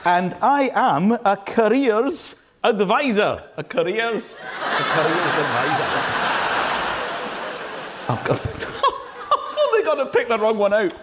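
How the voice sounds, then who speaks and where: Man putting on a thick Highland Scottish accent, wildly swooping. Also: huge pitch swings, slow, heavy background noise, exaggerated voice. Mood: cheery, eccentric. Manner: exaggerated, emphatic, swooping greetings. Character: eccentric, friendly Scottish Highlander careers advisor, male. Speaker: careers advisor in hidden-camera prank. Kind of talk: improvised comic character chat.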